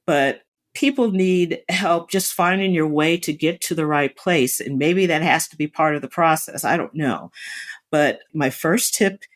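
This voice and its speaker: A woman's voice: low voice, a little slow. A woman hosting her own podcast, telling a personal story about therapy in a candid way, breaking into sarcastic asides. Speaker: podcast host.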